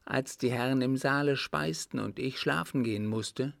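A man reading aloud and voicing an eager, bright little boy who asks earnest questions. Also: mid-range voice, normal speed, creaky, no room sound, clean studio sound, pitched above the performer's own voice. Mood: telling.

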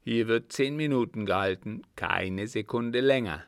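A man's voice: medium pitch, a little slow, no room sound, studio quality, natural voice. A man playing a blunt, curt innkeeper. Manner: blunt and dismissive.

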